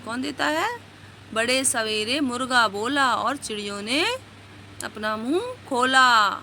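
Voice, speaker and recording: High-voiced woman teaching a workbook lesson. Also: animated, slow, pushed and bright, a little hiss or hum. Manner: explains each question and reads out answers, asking "है ना?".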